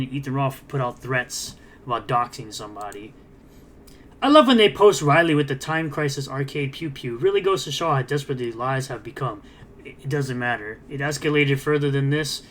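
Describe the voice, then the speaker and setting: A man's voice: mid-range voice, fairly bright tone. A man hosting a drama commentary, reading posts aloud and reacting to them in a mocking, scornful way. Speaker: host of a commentary video. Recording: clearly noisy background.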